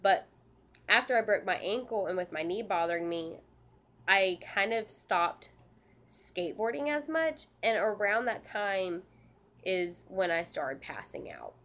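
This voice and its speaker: Congested and scratchy from a sinus infection, a woman who handles a service dog and hosts a channel answers questions on a casual livestream. Her mid-range voice is a bit bright with big pitch swings, and she comes across as earnest and halting, with many ums and restarts.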